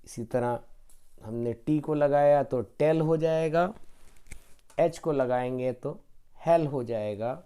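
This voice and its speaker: A man teaching children an online phonics lesson on rhyming words, drilling word lists one at a time in a slow, drawn-out way, with a Hindi accent. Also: fairly high pitch, dark tone, clear, resonant tone.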